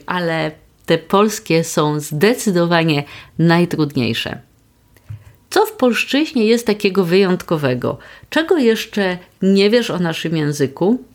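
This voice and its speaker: A woman hosting a podcast, calmly explaining facts in a scripted, measured way. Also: lowish voice. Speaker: podcast host and proofreader.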